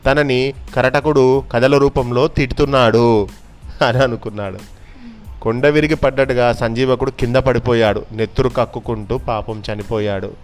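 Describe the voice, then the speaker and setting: A man narrates a children's tale in an expressive, unhurried way. His voice sits at a middle pitch. Soft background music plays faintly behind him. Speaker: storyteller.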